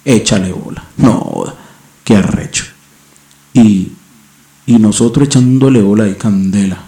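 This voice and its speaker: A man's voice: on the low side, a little slow, dark tone, roomy sound. A man from Venezuela with a Venezuelan accent, rambling slangily with profanity and restarts in a casual monologue as a podcast host on a home microphone. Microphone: home microphone setup.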